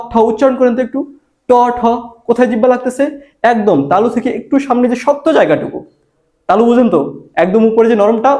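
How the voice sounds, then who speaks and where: A man's voice: sits high, darkish tone. A man, teaching an exam prep lesson and asking and answering his own questions. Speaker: admission exam tutor. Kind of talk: spoken grammar lesson.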